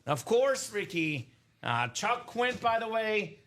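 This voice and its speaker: A man in his thirties hosting a live card break, chatty and energetic, calling out names and teams. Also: high voice, takes it slowly. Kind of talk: live stream commentary.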